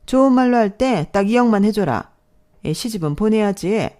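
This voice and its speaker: Brief: woman playing a demanding, greedy stepmother in a storybook drama, low and mellow. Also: lively intonation, normal speed, natural voice. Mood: pushy. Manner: pushy, demanding. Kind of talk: storybook dialogue reading.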